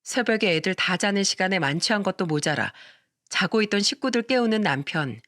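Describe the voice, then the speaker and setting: A woman's voice: medium pitch, expressive, brisk, fairly bright tone, no room sound, clean studio sound. A woman telling a story in the first person in scripted narration, confiding and asking the listener questions.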